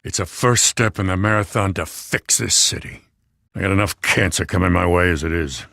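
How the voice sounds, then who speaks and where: A man with an American accent performs full character voice as a weary, principled police lieutenant in video game dialogue, sounding plain-spoken and earnest. His low, gravelly voice is pushed and bright at a normal pace, recorded dry with clean studio sound.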